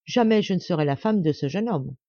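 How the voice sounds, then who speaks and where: A woman voicing a proud but flustered young woman who answers in halting, stammering words, read in an audiobook. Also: on the low side, lively intonation, warm tone, no room sound, dull audio.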